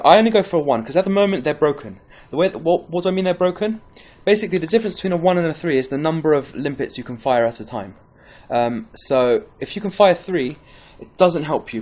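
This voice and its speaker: A slightly high, somewhat mellow male voice belongs to a game guide presenter. His gameplay tutorial is casual and rambling, chatty and riddled with restarts, delivered in a caffeinated, pepped-up way.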